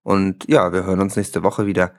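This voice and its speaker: A man hosting a comedy podcast, talking deadpan and fake-earnest with hesitant restarts. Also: deep voice, moderate pace. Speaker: podcast host.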